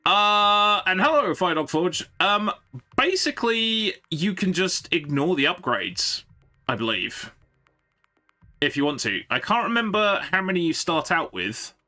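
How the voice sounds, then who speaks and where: A man streaming a game, chatting to his viewers with a bright, forward tone. His pitch jumps around animatedly as he rambles and thinks aloud. Faint music plays underneath. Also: big pitch swings, measured pace. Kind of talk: casual live-stream chat.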